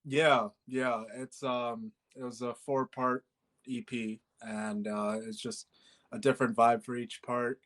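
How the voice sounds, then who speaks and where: A man's voice: mid-range voice, flat delivery, slow, a bit bright. A man in his twenties from Bangladesh, a musician guest chatting casually in an interview, with many fillers and easy laughs. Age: 20s.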